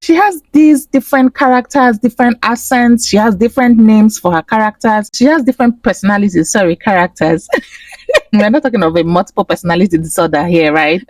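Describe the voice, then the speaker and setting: A woman's voice: mid-range voice, fairly quick, no room sound, recorded from a distance. A woman hosting a chatty reality TV recap, gossiping, laughing often and mimicking the cast when she quotes them.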